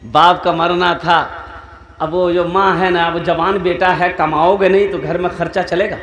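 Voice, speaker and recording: Male preacher, high bright voice, animated storyteller, echoey room. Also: measured pace. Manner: animated, acts out villagers in dialogue. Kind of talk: humorous sermon storytelling.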